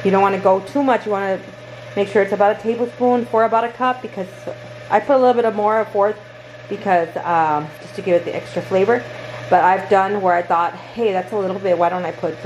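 A woman's voice: medium pitch, a little mellow, slight background noise, rough recording. A woman talking casually to her camera in a home vlog. She rambles, restarts sentences and searches for words as she goes. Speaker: vlogger. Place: at home, then in a car.

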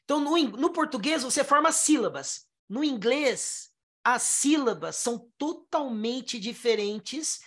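A woman's voice: sits high, lively intonation, a bit bright. A Brazilian-born teacher explaining English pronunciation to her students, drawing out syllables one by one and asking them rhetorical questions. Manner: explains step by step, sounding out syllables slowly; asks the listener rhetorical questions. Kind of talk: classroom lesson explaining pronunciation.

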